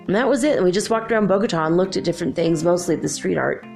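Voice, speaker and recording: A woman hosts a solo podcast, chatting in a rambling way while sounding congested. Her voice is lowish, gravelly and darkish, and she talks very fast over soft background music.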